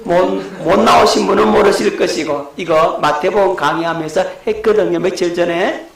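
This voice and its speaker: A man's voice: high-pitched, moderate pace, vocal fry, echoey room, low-quality recording. A middle-aged male pastor, preaching a lecture-style sermon and asking his congregation questions. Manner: rhetorical questions to the congregation, shouting acted quotes.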